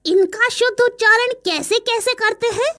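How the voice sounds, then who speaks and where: A woman doing a squeaky little crow chick. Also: moderate pace, sharp tone. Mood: eager. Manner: childlike, repeating sounds after the teacher. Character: young male crow chick, eager to learn. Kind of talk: storybook cartoon voice acting.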